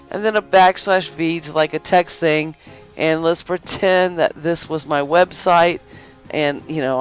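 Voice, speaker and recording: A woman's voice: deep voice, clean tone. A woman hosting a game guide video, giving casual tutorial narration over gameplay in a rambling way, correcting herself often. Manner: rambling, self-correcting, lots of fillers. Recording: slightly dull lo-fi recording with faint music.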